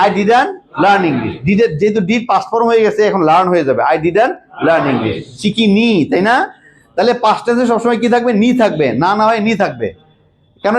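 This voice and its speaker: A man teaching English grammar, repeating key words and quizzing the class with quick questions. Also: sits high. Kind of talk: classroom lecture.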